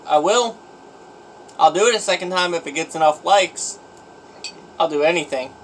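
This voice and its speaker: A man vlogging a gross eating challenge, his voice sitting a little high for a man. He moans, grumbles and over-dramatizes his suffering between bites. It is a casual phone recording at home with a faint hum of noise underneath. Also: moderate pace, low-quality recording. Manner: groaning, self-pitying and exaggerated.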